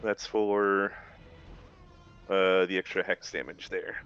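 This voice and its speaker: A man talking casually as a tabletop game player, halting and deliberate as he lays out moves. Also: deep voice, level tone, fairly bright tone. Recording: dull lo-fi, faint music behind.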